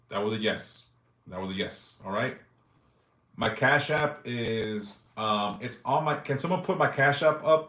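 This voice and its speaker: A man in his forties hosts a casual live stream, reading viewers' yes-or-no questions aloud and answering them briefly in loose, profane talk. His medium-pitched voice is pushed and bright, in an echoey room.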